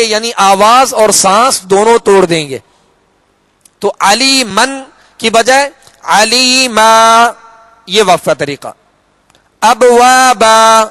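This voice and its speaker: A man with a Pakistani Urdu accent, teaching Quran reading in a slow, patient lesson, repeating each rule and drawing out the example words. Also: sits high, fairly bright tone, no echo. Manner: patient, repeats key rules, drawn-out Arabic examples.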